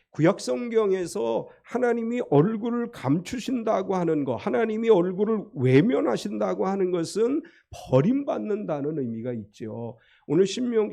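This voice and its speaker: Male pastor, middle-aged, sermon delivery; dark, mellow timbre, earnest and pleading. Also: high voice, gravelly. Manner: earnest, pleading tone when voicing prayers.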